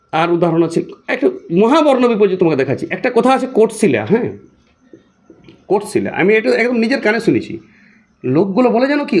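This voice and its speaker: A man teaching a grammar lesson for exam students, talking to the listener in a colloquial, repetitive way with many rhetorical questions. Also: high voice.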